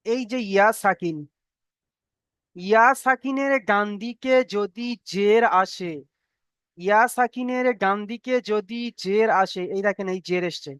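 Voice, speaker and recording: This teacher runs an online class on reading Arabic letters for the Quran, with a smooth, resonant voice in a dry, close sound. Each rule comes slowly and gets repeated again and again. Frequent checks of "okay?" keep the students following along. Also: medium pitch, a bit bright, dry recording.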